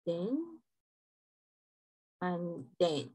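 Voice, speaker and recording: A young woman from Nigeria leading an online workshop class over a video call, talking quickly with frequent restarts. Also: lowish voice, very animated, warm tone, slightly rough, rough recording. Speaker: workshop instructor.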